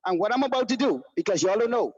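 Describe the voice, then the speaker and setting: A man from the Bahamas with a Bahamian accent, a DJ giving energetic hype shout-outs and calling out to the crowd. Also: high-pitched, fast talker, slightly rough, dry recording. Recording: dull lo-fi sound with faint noise.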